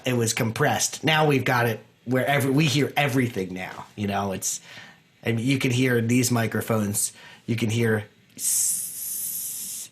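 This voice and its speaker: A man teaching an online guitar lesson in a casual way, explaining things with many restarts and fillers over a video call. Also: medium pitch. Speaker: music teacher.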